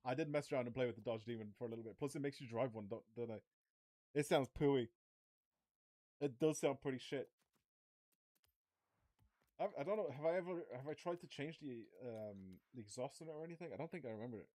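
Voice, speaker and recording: A man's voice: medium pitch, fairly quick, pauses often, mellow, no room sound, clean studio sound. Rambling young man streaming a racing game. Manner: rambling, swears, chats to viewers. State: starting to lose his voice. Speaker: gaming streamer. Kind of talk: casual live-stream commentary.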